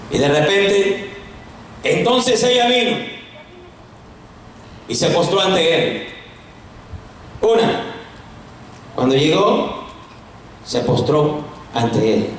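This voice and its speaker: High-voiced fervent male preacher in echoing church. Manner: fervent, shouting, swinging from loud to low. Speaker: evangelist preacher. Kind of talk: impassioned sermon. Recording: echoey church, voice from far off, faint noise.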